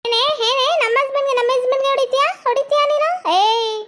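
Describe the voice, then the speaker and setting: A woman's voice: very high-pitched, steady tone, background noise. Jayamma, a woman doing a brash brawling wife. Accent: North Karnataka Kannada. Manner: brash, taunting, rapid scolding. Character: bossy brawling wife Jayamma, loud and boastful.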